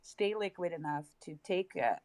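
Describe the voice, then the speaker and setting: Co-hosting a crypto livestream, a Dutch-accented woman speaks at a normal pace in a fairly low, slightly mellow and expressive voice. Her market commentary is casual and upbeat, sprinkled with frequent laughter and hype slang.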